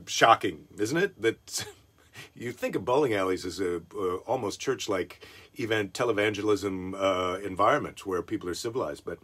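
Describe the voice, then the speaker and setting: Husky low-voiced man rambling. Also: a bit bright. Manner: digressive storytelling, chuckles and self-corrections. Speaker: comedian hosting a daily live stream. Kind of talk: casual rambling monologue.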